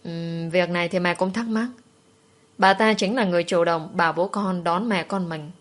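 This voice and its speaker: A woman's voice: lowish voice, fairly even intonation, moderate pace, natural voice. Woman doing a weary sick mother. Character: ill tired mother, resigned and gentle.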